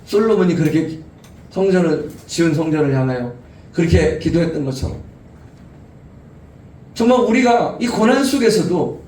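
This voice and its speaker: Middle-aged man preaching, high voice, lively storytelling, echoey hall, heard from a distance. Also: moderate pace, long pauses, a little hiss or hum. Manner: animated, acts out quoted voices with laughter. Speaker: pastor. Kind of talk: sermon at a youth retreat. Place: church retreat hall. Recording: roomy hall, distant mic, faint ambience.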